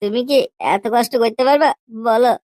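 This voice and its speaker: A woman's voice: fairly high pitch, moderate pace, a little mellow, lightly acted. A woman voicing a crude, pushy young boyfriend in a comedy cartoon, using coarse slang and a wheedling, teasing manner. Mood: pleading.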